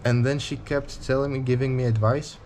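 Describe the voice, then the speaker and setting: A man's voice: mid-range voice, steady tone, a little fast, darkish tone, a little hiss or hum. A man in his twenties talking casually to camera in a travel vlog, candid and rambling, with a blunt edge. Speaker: touring cyclist vlogger.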